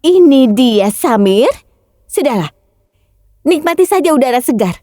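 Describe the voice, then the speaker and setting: An actress dubbing a playful young woman who teases her passenger while driving fast in a TV drama. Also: high-pitched, big pitch swings, warm tone, dry recording, clean studio sound, heavily acted. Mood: teasing. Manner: teasing, playful. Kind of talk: dubbed TV drama.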